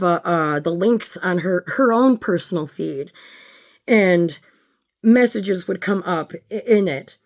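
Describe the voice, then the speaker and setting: A woman giving a candid personal monologue in a blunt, sweary way, often halting as she searches for words. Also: medium pitch. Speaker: personal storyteller.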